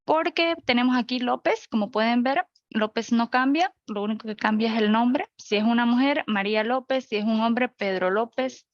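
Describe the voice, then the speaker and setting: A woman's voice: on the high side, normal speed, hardly any pauses, no room sound, lo-fi sound. A young woman teaching an online class. She goes through examples one by one and checks in with her listeners. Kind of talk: virtual grammar lecture. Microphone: video call.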